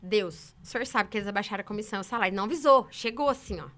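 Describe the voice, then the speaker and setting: A woman from Brazil telling sales stories in a casual interview, emphatic and animated. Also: mid-range voice. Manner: animated, emphatic, quick talker. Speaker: saleswoman guest.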